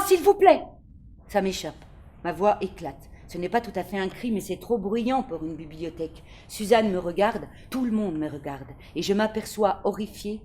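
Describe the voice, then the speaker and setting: An actress giving a dramatic first-person reading of a novel, in an intimate, measured storytelling manner. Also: female voice, lowish voice, dark tone, slight background noise.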